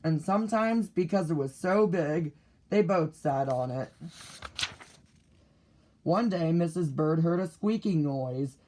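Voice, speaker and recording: A man reading a children's picture book aloud, deliberate and expressive. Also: a little high. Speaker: storybook reader.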